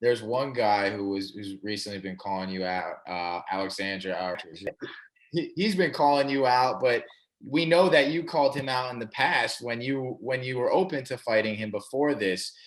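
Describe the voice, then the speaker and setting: A man hosting an interview show, asking questions and affirming answers with quick agreement. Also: medium pitch. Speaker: podcast host. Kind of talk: casual interview.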